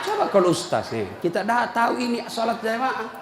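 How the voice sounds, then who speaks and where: A middle-aged man giving a humorous sermon to a live crowd, telling stories, swinging between loud and soft and shouting for emphasis. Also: very high-pitched, very animated, fairly quick. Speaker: preacher. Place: mosque or hall with a laughing crowd. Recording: echoey hall with audience noise.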